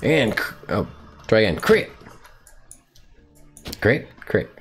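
A man's voice: lowish voice, very animated, unhurried, faint music behind. A man streaming a survival game live, chatting playfully to himself and to the animals on screen. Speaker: gaming streamer. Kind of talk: live gameplay commentary.

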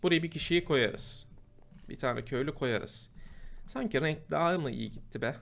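A man giving casual gameplay commentary, chatty and prone to loud, exasperated outbursts. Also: fairly high pitch, moderate pace, creaky. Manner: chatty, bursts into loud exasperated shouting at mobs. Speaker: gameplay host. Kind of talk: casual Minecraft let's play commentary.

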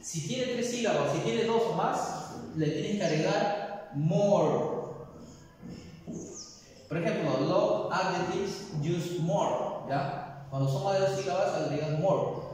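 A man's voice: high-pitched, slow, long pauses, darkish tone. A man teaching English in a classroom, patiently explaining and checking understanding with frequent tag questions. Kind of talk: classroom lesson. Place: echoey classroom. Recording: very echoey hall, voice from far off.

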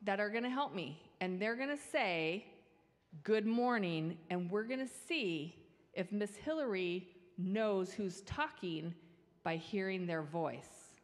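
A middle-aged woman leads a lively, playful children's talk with a game on a church stage, speaking animatedly to the kids through a handheld microphone. Her mid-range voice is slow. The church hall is reverberant.

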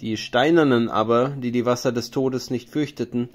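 Male narrator for an epic audiobook, measured and solemn. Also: medium pitch, steady tone.

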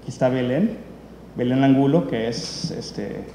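A man's voice: medium pitch, expressive, a little slow, creaky. Man, event host, rambling with fillers, echoey hall, faint background noise. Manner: rambling, many fillers and restarts. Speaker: event host presenting documentaries. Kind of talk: unscripted spoken introduction at a press event.

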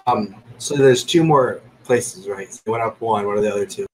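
A man playing a tabletop game, speaking briskly and matter-of-factly about tactics. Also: lowish voice, noisy background. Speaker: player. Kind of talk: casual game chat.

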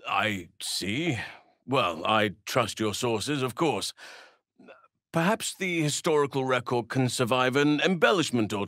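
Recorded clean in a studio without echo, a medium-pitched male voice portrays a fantasy game's druid, a gentle and earnest protector of children. He delivers formal, measured, courtly phrases.

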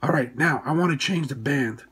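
Husky, congested man giving instructions. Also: mid-range voice, moderate pace, a bit bright. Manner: plain, short clipped instructional phrases. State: hoarse, congested voice after recent surgery. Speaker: tutorial presenter. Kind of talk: informal step-by-step hands-on instruction. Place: indoors at a workbench.

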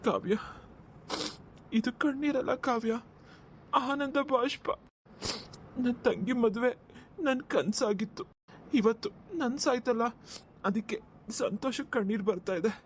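A loving elder brother from a cartoon, as a woman acts him out, heartfelt and close to tears. His voice sits a little high. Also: fairly even intonation, moderate pace, warm tone, a little hiss or hum, natural voice. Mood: tearful. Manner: tearful, fond, heartfelt. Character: tender elder brother of the bride, emotional. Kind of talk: cartoon voice acting.

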